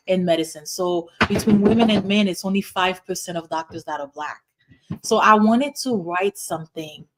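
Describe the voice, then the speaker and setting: Brief: middle-aged woman from Haiti, doctor guest, earnest and explanatory, mid-pitched voice, faint noise in the background. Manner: earnest, explanatory, uses "you know" often. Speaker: guest, internal medicine hospitalist. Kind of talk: conversational interview answers.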